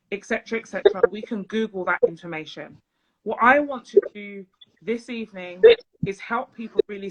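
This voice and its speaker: A woman speaking as a guest into her phone on a live video chat. She talks in a measured, deliberate and earnest way, like a business coach laying out her points. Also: medium pitch, fairly bright tone, rough recording.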